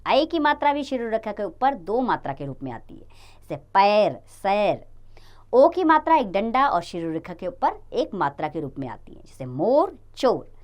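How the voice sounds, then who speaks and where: A woman gives a grammar lesson to children at an easy, steady pace. Her voice sits at a middle pitch but swings widely up and down in a sing-song way. She explains each point patiently, the way a teacher talks to a young class. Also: normal speed.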